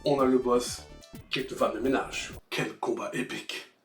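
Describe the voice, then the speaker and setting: With a steady tone and normal speed, a man in the mid-range narrates a humorous scripted review for his retro video game show, full of sarcasm and swearing. Background music plays, and the space sounds roomy and echoey.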